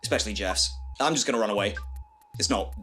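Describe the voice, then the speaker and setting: A man's voice: on the low side, fast, pushed and bright, soft background music. A man giving dry, wry commentary while playing a game, with lots of fillers. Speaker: let's play player and host. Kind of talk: casual gaming commentary.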